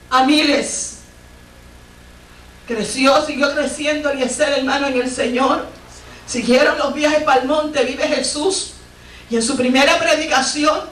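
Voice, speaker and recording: High-voiced woman preaching in an echoey church. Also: fairly bright tone, distant mic. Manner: fervent storytelling with exclamations of praise. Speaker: missionary preacher. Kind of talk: Pentecostal sermon testimony. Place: church sanctuary. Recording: echoey church recorded from afar.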